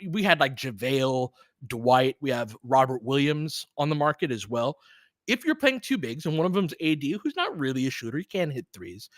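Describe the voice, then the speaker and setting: Pushed and bright, a mid-range male voice carries a casual live basketball stream offering audio play-by-play, discussion and replies to chat. He works through ideas aloud with rhetorical questions and check-ins like "right?". The sound is clean studio audio with no room sound.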